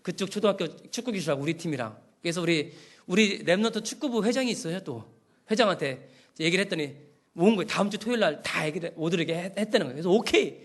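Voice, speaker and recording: Middle-aged pastor guy preaching, high pitched, acts out his phone calls all animated. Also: fast talker. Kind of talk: sermon.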